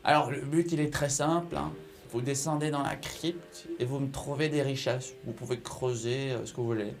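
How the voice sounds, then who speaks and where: Gravelly low-voiced Frenchman running a game. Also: fairly even intonation, normal speed. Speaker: game master. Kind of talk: improvised tabletop role-play narration and dialogue. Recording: music playing behind the voice. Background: music.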